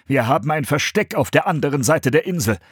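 A man's voice: fairly high pitch, expressive, brisk, husky, no room sound, clean studio sound, pitched above the performer's own voice. A man doing a commanding monk. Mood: urgent. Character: adult male monk, calm leader.

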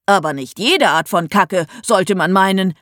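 A woman's voice: mid-range voice, unhurried, a bit bright, no room sound, close to an everyday voice. A woman voicing a playful father who delivers a joke in a dry, matter-of-fact way. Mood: wry.

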